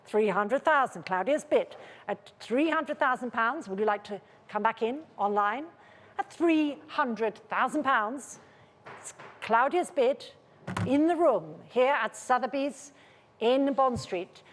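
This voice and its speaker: A woman's voice: on the high side, animated, slow pace. A woman auctioneer calling a live sale, repeating bid figures insistently in a polite, controlled way. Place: large indoor auction room. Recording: reverberant large saleroom.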